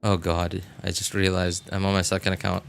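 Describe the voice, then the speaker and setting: A game streamer with a deep, smooth yet creaky voice speaks in a monotone at a fairly quick clip, with faint music in the background. He chats casually while theorycrafting, hesitant as he thinks aloud and prone to repetition.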